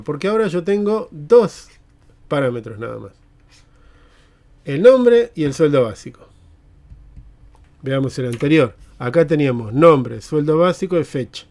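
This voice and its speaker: A man's voice: fairly high pitch, darkish tone. A man teaching a live online programming class, explaining step by step and checking in with tags like "eh?" and "mm?". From Argentina.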